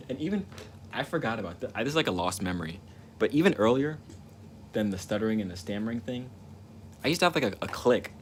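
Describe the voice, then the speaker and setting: Here the young painter's voice sits at medium pitch, very animated and fairly quick, with frequent pauses. Stuttering as he streams, he rambles and reflects, repeating words and starting sentences over amid noticeable ambient noise.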